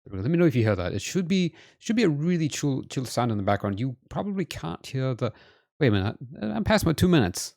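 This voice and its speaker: Speaking fast with big swings in pitch, this man has a medium-pitched, gravelly voice. He chats casually to his live game stream audience, addressing chat directly and making self-deprecating remarks. Soft background music plays, and he uses headphones and a desk mic.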